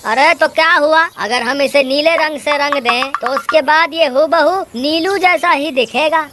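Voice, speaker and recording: A woman playing a foolish, scheming village trickster man in a kids' cartoon. He calls out loudly and eagerly in a raised, high voice, with light hiss in the background. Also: measured pace. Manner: excited, calling out loudly. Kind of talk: Hindi cartoon voice acting.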